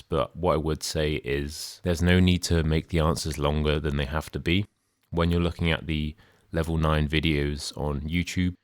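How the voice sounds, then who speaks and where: Very deep-voiced young British man, tutoring. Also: no echo, clean studio sound. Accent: modern British. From United Kingdom. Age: young adult. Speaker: English speaking tutor. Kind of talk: explanatory language lesson with sample exam answers.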